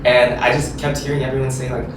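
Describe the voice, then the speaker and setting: A man in his twenties introducing himself and telling a story in a relaxed, casual way. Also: mid-range voice, fast. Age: 20s. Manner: relaxed storytelling, says "like" a lot. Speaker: interviewee. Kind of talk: casual interview answers. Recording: echoey room, far from mic, noisy.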